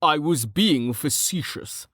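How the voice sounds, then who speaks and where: A man's voice: a little high, animated, slow pace, a bit bright, dry recording, pitched above the performer's own voice, heavily acted. A man voicing a sardonic, exasperated male companion with a dry wit in an audiobook.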